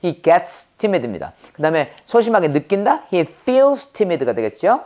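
A woman's voice: lowish voice, very animated, slow pace, warm tone. A woman teaching English vocabulary in a lecture, repeating each word and using playful sound-alike puns.

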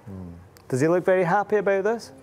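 A man's voice: a little high, big pitch swings, moderate pace, darkish tone, soft background music. Playful man reading to kids. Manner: playful, asks children many questions. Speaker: author and illustrator reading to children. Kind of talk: reading aloud to children.

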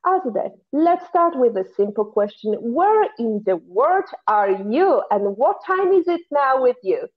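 Woman, podcast host, earnest, emphatic, fairly high voice, thin phone-like sound. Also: very animated, a little slow, few pauses. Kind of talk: scripted intro then interview. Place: home office in Malta. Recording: tinny phone-like line.

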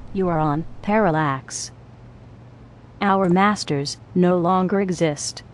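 A performer voicing a robot caretaker with a robotic-sounding voice, speaking in flat, formal, clipped machine phrases. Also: medium pitch, slow pace, slight background noise.

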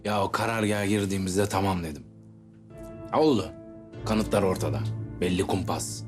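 A young man playing an earnest, wry young soldier in a TV series, deadpan and ironic, with faint music behind. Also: sits low, moderate pace, lightly acted. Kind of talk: TV series acting.

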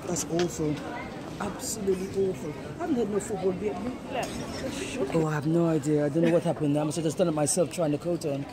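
A woman's voice: sits low, a loud crowd. Older woman chatting in a busy shop. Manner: hurried, chatty. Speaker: vlogger's mother. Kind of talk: casual chat while shopping. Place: busy indoor clothing store. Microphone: phone camera held by the person filming.

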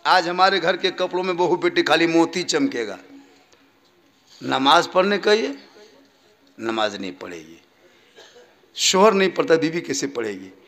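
A man from Jharkhand, India, preaching at a religious gathering, shifting between low mocking asides and loud, slowed, chant-like passages. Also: animated. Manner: wide swings from low mutters to loud drawn-out chanting; humorous, mocking asides in local dialect. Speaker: Islamic preacher.

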